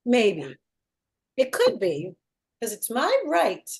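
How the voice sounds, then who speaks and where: A woman's voice: a little high, huge pitch swings, takes it slowly, vocal fry. A woman leading a casual group chat, playful and teasing, who laughs a lot. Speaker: discussion leader.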